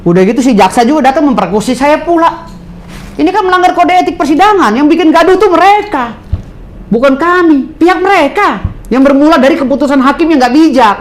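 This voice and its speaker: A man's voice: extremely high pitch, a little fast. Indignant man. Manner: indignant, animated, mimics others. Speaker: lawyer. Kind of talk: heated interview answers.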